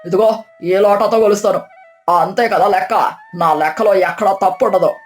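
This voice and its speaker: A woman voicing a cheating middle-aged male village milk trader who blusters and stammers, with a lower, somewhat different tone. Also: moderate pace, darkish tone, soft background music, lightly acted. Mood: blustering. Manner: blustering, then stammering and flustered.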